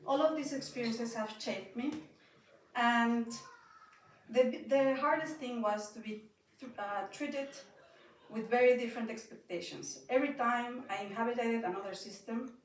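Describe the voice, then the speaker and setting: Her voice fairly high and a little slow, a young woman of Mexican and Austrian background, Spanish her native language, nervously reads a personal talk to listeners, shaking and laughing softly now and then. She's far from the mic in an echoey event hall at a building inauguration, with slight background noise.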